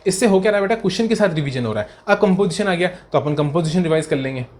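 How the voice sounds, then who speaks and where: A man teaching an exam revision lecture, calling students beta and sahab, asking and answering his own questions and reading English question text slowly word by word. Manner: lively teacher voicing imagined student replies in a lower, softer tone.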